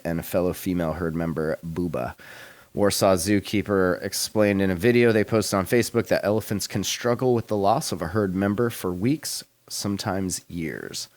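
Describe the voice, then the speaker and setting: Laid-back deep-voiced man rambling. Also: darkish tone, no room sound. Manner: laid-back, rambling, swears and laughs often. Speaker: podcast host. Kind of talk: casual chat.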